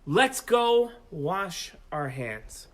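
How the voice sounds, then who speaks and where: A man voicing a wise old rabbi in a children's story, speaking with lively emphasis. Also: high-pitched, drawn-out words, heavily acted. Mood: coaxing. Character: wise old male rabbi, calm and sharp-eyed.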